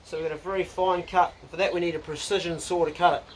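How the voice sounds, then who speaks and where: A man's voice: fairly high pitch, level tone, fast, very noisy. A man with a broad New Zealand accent, chatting casually to camera as a vlog host in a laid-back, slangy, blokey way.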